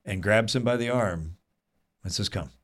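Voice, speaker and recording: A man leading a small group Bible study, telling the story earnestly and lively with asides to the group. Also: fairly low pitch, normal speed. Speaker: Bible teacher.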